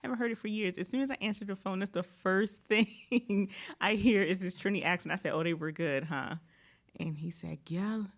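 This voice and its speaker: Speaking at a moderate pace in a medium pitch, this podcast co-host keeps the conversation casual and meandering, frequently breaking into laughter.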